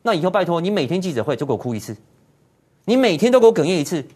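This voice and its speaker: Heated host ranting, pitch jumping all over, keeps hammering the same question. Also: sing-song, very fast, a little mellow, husky. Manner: indignant, rhetorical, repeating questions. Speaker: political commentary host. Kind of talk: heated political commentary.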